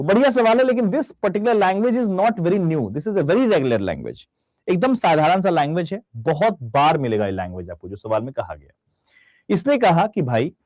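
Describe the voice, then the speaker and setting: A young man with an Indian Hindi accent teaches exam reasoning in a lively voice that swings up and down, pitched a little high. He drops English phrases into his Hindi and talks straight to his students. The sound is dry and close, with no room echo. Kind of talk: recorded online lecture. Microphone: close studio mic.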